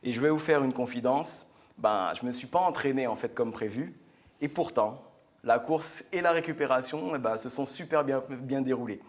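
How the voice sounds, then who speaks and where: A man's voice: medium pitch, moderate pace. A man from French Guiana giving an earnest, chatty product talk on a live studio show, with frequent fillers and restarts. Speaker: guest speaker.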